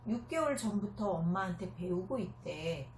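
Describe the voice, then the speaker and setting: A woman voicing a frustrated, competitive young schoolgirl in a high, whiny child voice, read aloud in an echoey room. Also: animated, moderate pace, darkish tone, a little hiss or hum, natural voice. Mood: sulky.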